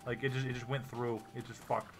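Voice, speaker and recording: Excitable young man playing on stream. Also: mid-range voice, brisk. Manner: laughs often, profane, excitable. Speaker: let's play player. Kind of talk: casual gaming commentary. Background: game music.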